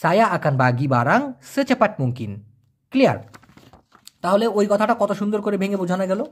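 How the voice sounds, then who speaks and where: A man teaching Malay in a casual lesson, repeating each phrase slowly and translating it. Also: high voice, expressive. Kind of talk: casual explanatory language lesson.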